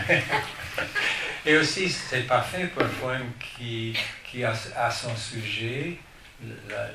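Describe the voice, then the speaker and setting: A man, a poet, speaking at a public talk, slowly searching for his words with many restarts. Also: medium pitch. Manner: slow, halting, searching for words. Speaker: poet being interviewed. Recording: roomy, distant, noisy room mic.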